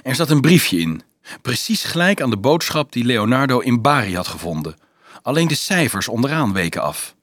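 A male audiobook narrator reading a novel aloud with an expressive, animated delivery. His voice swings widely in melody at a middle pitch, and the recording is dry and close with no room sound. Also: moderate pace, no echo. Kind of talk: scripted storybook narration.

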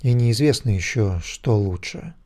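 A man's voice: lowish voice, lively intonation, unhurried, darkish tone. A man doing a weary curt husband. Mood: gruff.

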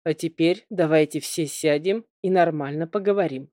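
A woman's voice: low-pitched, normal speed, mellow, no room sound, studio quality, lightly acted. King: a woman voicing a tired, patient fairy-tale king. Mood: weary. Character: weary middle-aged male fairy-tale king. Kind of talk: audiobook reading.

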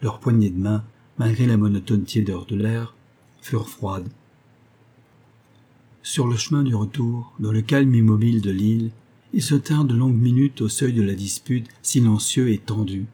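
A man narrating a literary novel in a measured, even reading. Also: fairly low pitch, husky. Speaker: audiobook narrator.

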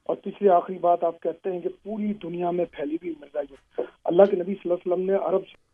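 A man's voice: sits high, steady tone. A man calling in to a radio show, heard over a phone line, arguing his points one by one in an accusing way. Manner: accusing, argumentative, talks in numbered points. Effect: caller heard over a phone line. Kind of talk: call-in radio debate.

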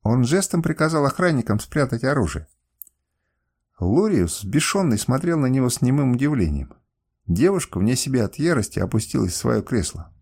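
A man narrates an adventure audiobook in the first person. His reading is measured and expressive, with a lively, moving pitch in a mid-range voice. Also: husky.

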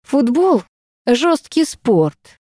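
A woman reading an audiobook, voicing a flamboyant, unruffled male photographer in a slow, high, drawn-out way. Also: sing-song, dark tone, no room sound, studio quality, full character voice. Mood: languid, teasing.

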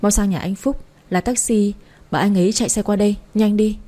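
A woman's voice: medium pitch, fairly even intonation, a little fast, dark tone, close to an everyday voice. A woman voicing an adult male neighbor giving urgent orders in an audiobook story. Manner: urgent, commanding.

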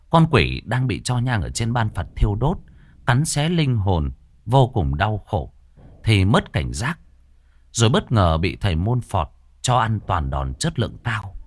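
A man narrating a ghost story with dramatic, expressive delivery. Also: fairly low pitch, dry recording.

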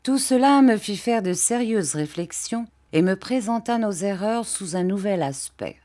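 A woman reading an audiobook, narrating in a calm, measured way. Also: medium pitch. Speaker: audiobook reader. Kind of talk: scripted narration.

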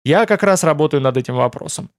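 A man's voice: on the high side, expressive, fast, dry recording, lightly acted. Wry, joking young man, audiobook; a man reads him, dry, close recording. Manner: joking, mildly sarcastic.

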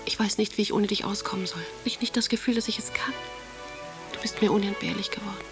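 A woman's voice: fairly low pitch, moderate pace, creaky. An actress playing a passionate aristocratic woman writer, reading her letters in an intimate, often half-whispered voice over music. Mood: tender farewell. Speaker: letter-writing lover. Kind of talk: radio drama reading of letters.

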